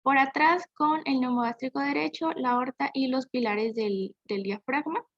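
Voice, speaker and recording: A woman's voice: high-pitched, moderate pace, no echo. A young woman student giving a class presentation, hesitant, with frequent fillers and self-corrections. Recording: dull lo-fi dry recording.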